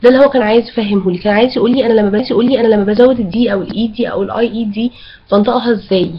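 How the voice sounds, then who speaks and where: A woman's voice: fairly high pitch, fairly even intonation, very fast, lo-fi sound. A woman with an Egyptian Arabic accent, teaching English to an online class in a chatty way and often correcting herself. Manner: chatty, self-correcting, apologetic asides. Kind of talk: casual online class explanation.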